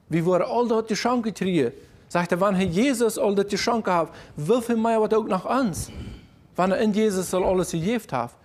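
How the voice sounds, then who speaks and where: High-voiced preacher with a Low lilt. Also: male voice. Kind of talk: sermon, Bible exposition.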